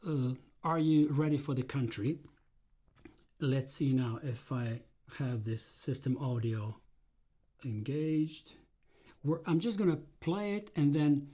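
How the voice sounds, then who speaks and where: A man's voice: on the high side, mellow. A man in his fifties, a music producer from Sweden, talking casually on a livestream and humming rhythms as he explains. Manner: rambling, hums rhythms with mouth sounds.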